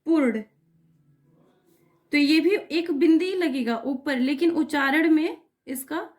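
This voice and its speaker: A woman's voice: high-pitched, a little mellow. A woman teaching a grammar lesson for exam students, patiently explaining step by step and checking that the class follows. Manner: patient, repeats checks like "clear?" and "okay".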